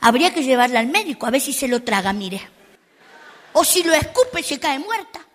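A woman's voice: high voice, sing-song, normal speed. A woman comic playing a cheeky, indignant little girl, complaining in a stand-up monologue full of sassy rhetorical asides.

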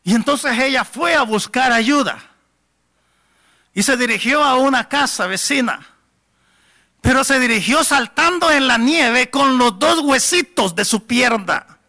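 A man preaching, telling a testimony in a dramatic storyteller's way that swells to near-shouts. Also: very high-pitched, expressive, unhurried. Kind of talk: sermon testimony.

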